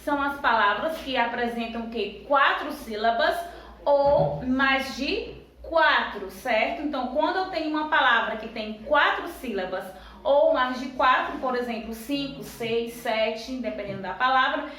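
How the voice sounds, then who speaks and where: A woman teaching a lesson to young children. She asks questions and answers them herself, and she counts syllables aloud slowly. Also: high voice, bright, forceful tone. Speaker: primary school teacher. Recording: very echoey room, voice far from the mic.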